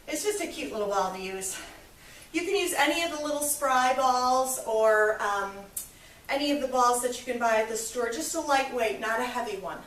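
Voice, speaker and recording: A woman's voice: a little high, a bit bright, slight background noise. A woman fitness instructor leading a workout, upbeat and encouraging as she counts reps, a little out of breath. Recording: echoey room, voice from a distance.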